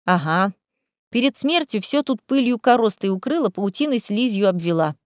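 A woman's voice: medium pitch, lively intonation, normal speed, dry recording, clean studio sound, natural voice. A woman reading the part of a sly, greedy young female cat familiar who talks in a lazy, teasing, mocking way. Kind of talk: audiobook character voice.

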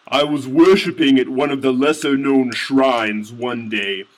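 A man's voice: medium pitch, fairly bright tone, poor audio. A man narrating a satirical fantasy story in a mock-earnest tone with indignant outbursts.

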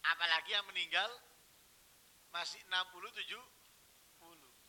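Man preaching a sermon, very bright high voice, storytelling that swings from hushed to loud, faint hiss. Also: steady tone, normal speed, rough recording.

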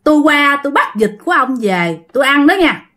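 A woman plays a young man, his voice a touch higher than the narrator's. He insists and presses, refusing to let the matter drop. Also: very animated, a little fast, a bit bright. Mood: annoyed. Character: young man, friendly but stubborn.

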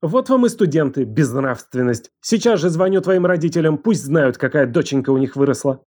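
A man voicing a stern, domineering middle-aged aunt who scolds in a harsh, shouting voice raised high above his own. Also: lively intonation, brisk. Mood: furious scolding. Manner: shouting, harsh, breaking into a shriek.

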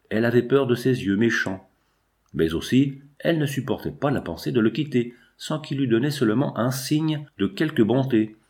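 A man narrating a novel in a steady, literary reading style. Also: mid-range voice.

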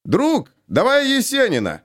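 Brash male heckler, pitched high and loud, read by the narrator. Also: unhurried, clear, resonant tone. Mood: heckling. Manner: loud, brash calls from across the room. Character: rowdy male restaurant patron, heckling.

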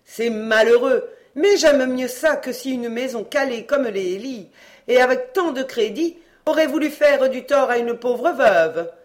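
An audiobook reader voicing a bossy, loud-mouthed mother of a poor family who scolds and gives orders. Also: expressive, a little slow. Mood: scolding. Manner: scolding, commanding, shrill. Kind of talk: audiobook reading, acted dialogue.

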